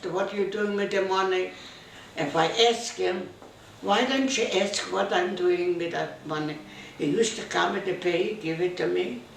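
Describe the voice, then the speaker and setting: Elderly woman in her nineties, gravelly voice, slow halting speech, roomy room heard from a distance. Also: lowish voice. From Eastern Europe (now Belarus). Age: 90s. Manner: halting, repetitive, broken English, quotes her husband's words. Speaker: interviewee, grandmother recalling her life. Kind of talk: reminiscing storytelling in an interview. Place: home room in Montreal. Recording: roomy, distant camera mic, faint noise.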